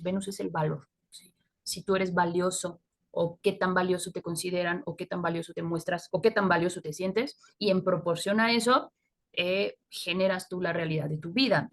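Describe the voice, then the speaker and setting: A woman's voice: on the low side, steady tone, normal speed. Spanish-speaking woman teaching astrology. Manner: explanatory, repeats "¿sí?" and "¿no?" to check with listeners; laughs at her own points. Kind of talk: live astrology talk.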